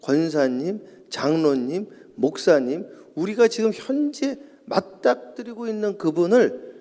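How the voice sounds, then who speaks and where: Middle-aged pastor guy preaching, high lively voice, long church echo. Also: a little slow. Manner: storytelling, rising to loud emphatic preaching. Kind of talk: early-morning sermon. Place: church sanctuary. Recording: echoey church hall.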